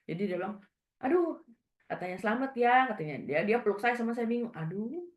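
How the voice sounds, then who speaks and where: Lively woman telling a testimony. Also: medium pitch, fast talker. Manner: lively storytelling, acting out the dialogue. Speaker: church member giving a testimony. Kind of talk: personal testimony.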